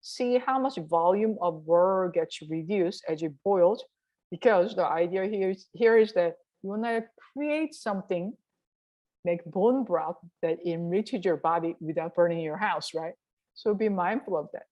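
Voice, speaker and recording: A woman's voice: on the low side, a little slow, darkish tone, muffled recording. A woman from Korea, giving a chatty, encouraging cooking tutorial and often asking "right?". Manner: chatty and encouraging, asks frequent rhetorical "right?". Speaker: health and cooking vlogger.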